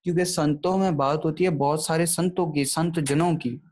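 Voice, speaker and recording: A man gives an online grammar lesson, talking in a fairly high voice. He explains each point patiently and keeps checking in with his students. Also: fairly even intonation, moderate pace, a little mellow. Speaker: Gurbani grammar teacher. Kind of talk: online lecture.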